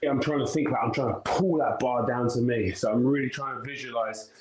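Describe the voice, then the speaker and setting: A man's voice: medium pitch, fairly even intonation, brisk, echoey room, poor audio. A man coaching as he trains, casual and often out of breath, swearing and thinking aloud between sets in a gym. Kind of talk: casual workout walkthrough livestream.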